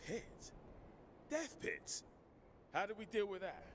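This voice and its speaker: A man's voice: high-pitched, sing-song, slow, exaggerated voice. An actor playing a cheeky, theatrical male survivor in a zombie video game, wry and mock-pompous. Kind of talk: scripted video game acting.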